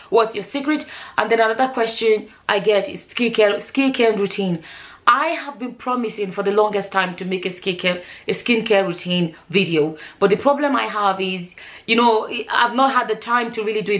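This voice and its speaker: A Nigerian woman in her 40s vlogs straight to camera in a mid-range, fairly bright voice. She is earnest and casual, repeating herself for emphasis.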